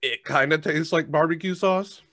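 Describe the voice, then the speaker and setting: A man's voice: a little high, normal speed, a bit bright, no echo. American man casually reviewing snacks, dry close sound. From United States. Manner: matter-of-fact, eats crunchy snacks while reviewing. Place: indoors, at a desk on a video call. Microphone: headset.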